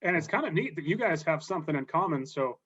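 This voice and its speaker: A man's voice: a little high, lively intonation, fast, a bit bright, husky, no echo. A man hosting a podcast, asking teasing questions in casual chat. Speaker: podcast host. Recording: distant, dull mic.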